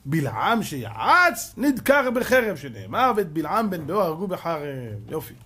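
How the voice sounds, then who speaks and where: A rabbi delivers a Torah sermon in a slightly high male voice. He tells his story dramatically, jumping from loud emphasis to hushed tones. He repeats words and asks rhetorical questions to drive the point home. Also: sing-song, husky.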